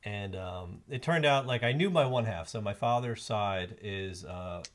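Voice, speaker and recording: A man's voice: fairly low pitch, unhurried. A middle-aged man chatting casually as co-host of a live board game stream, thinking aloud and rambling with fillers. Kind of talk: casual chat while playing a board game. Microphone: streaming mic.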